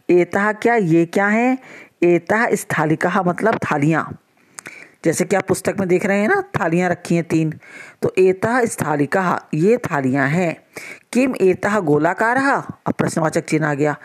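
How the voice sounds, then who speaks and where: A woman teacher giving a lesson to children, speaking slowly and patiently and repeating every line to explain it. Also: fairly low pitch.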